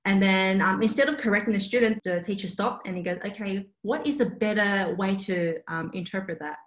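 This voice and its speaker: Speaking fairly quickly with a medium pitch, a young woman from Australia, raised with Cantonese and studying interpreting, tells chatty, lively stories loaded with fillers. Her casual conversation is captured with a roomy echo.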